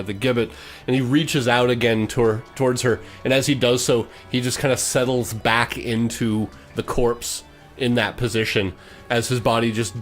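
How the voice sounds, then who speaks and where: A man acts as game master for a tabletop role-playing game, improvising descriptive narration in a halting way. His pitch sits in the medium range.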